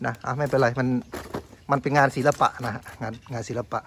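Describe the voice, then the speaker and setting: A man's voice: mid-range voice, steady tone, fairly quick, gravelly, fairly bright tone. An older man chatting casually as he spray paints outdoors, self-mocking and tagging his lines with polite particles. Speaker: vlog host. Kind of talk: casual how-to commentary. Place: outdoors in windy weather. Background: wind and outdoor ambience.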